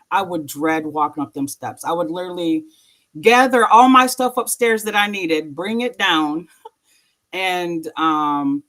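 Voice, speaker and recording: A woman tells her personal story as an interview guest. Her speech is halting and emotional, broken by nervous laughter. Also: fairly low pitch, a bit bright.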